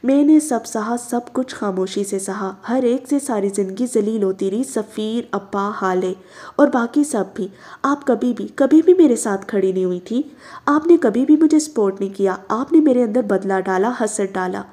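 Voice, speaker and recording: A woman reading aloud, voicing a bitter, obsessed young woman who shouts her grievances in pain. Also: a little high, normal speed, natural voice. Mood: bitter shouting.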